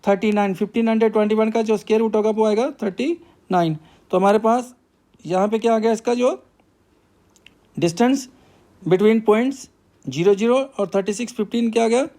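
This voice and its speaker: A man's voice: sits high, moderate pace, long pauses, warm tone. A male math teacher, working through a problem step by step and asking himself questions before he answers them.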